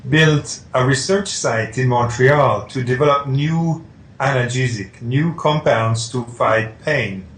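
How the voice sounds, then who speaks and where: A middle-aged man from Switzerland talks through how he took up painting, in a conversational and somewhat halting manner with frequent restarts. His voice sits at an ordinary middle pitch. The recording carries a noticeable roomy echo. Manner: hesitant, with restarts, recounting calmly. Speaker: painter, interview guest. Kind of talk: conversational interview. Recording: echoey room.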